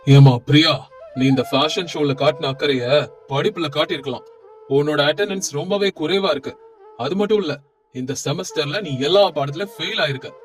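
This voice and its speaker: A man's voice: a little high, a little fast, soft background music, lightly acted. Man playing a stern college principal. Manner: scolding, stern. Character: stern male college principal, middle-aged.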